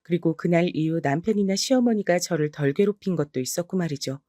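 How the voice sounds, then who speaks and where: Brief: female storyteller, scripted first-person narration, steady confiding delivery, dry close mic. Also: lowish voice, fast talker, no room sound.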